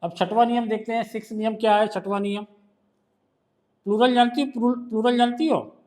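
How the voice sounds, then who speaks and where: A man's voice: sits high, fairly even intonation, brisk, darkish tone. A male shorthand teacher with a Hindi accent, patiently quizzing a student during one-on-one tutoring.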